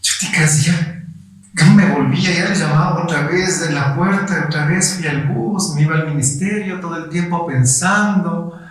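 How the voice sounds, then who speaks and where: A man preaching a sermon, telling a personal testimony in a lively way and acting out the dialogue as he goes. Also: on the high side, normal speed. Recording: echoey room, far from mic.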